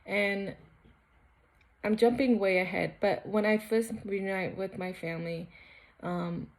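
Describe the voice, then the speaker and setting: A woman's voice: medium pitch, steady tone, slow pace, a little mellow. A young woman from Cambodia sharing her personal faith testimony in a casual, earnest, rambling way with many fillers. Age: young adult.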